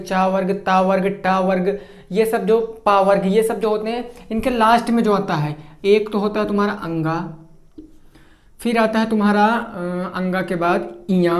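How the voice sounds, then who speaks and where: In an echoey room, a high-pitched male teacher leads a grammar lesson aimed at exam preparation. He asks questions and supplies the answers himself, lengthens the words in his examples, and repeatedly makes sure the class is keeping up.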